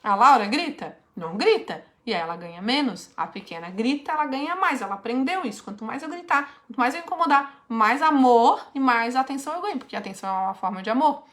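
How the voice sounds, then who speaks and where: A woman's voice: fairly high pitch, animated, fast, few pauses, fairly bright tone. A woman leads a live online mentoring session, reading participants' questions aloud and answering them in a direct, coaching way.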